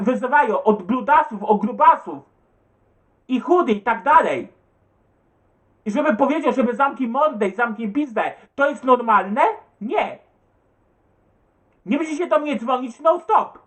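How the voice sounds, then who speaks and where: A man's voice: very high voice, lively intonation, measured pace, pauses often, fairly bright tone. A man who answers viewer comments in an agitated, stumbling rant, swearing and repeating himself. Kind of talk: rambling webcam rant.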